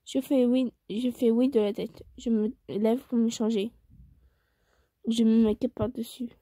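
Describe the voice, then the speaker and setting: A woman's voice: a little high, little pitch movement, a little slow, warm tone, dry recording. A woman reading a fan story aloud in the first person, often breaking off for playful, jokey asides. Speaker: channel host reading fan fiction.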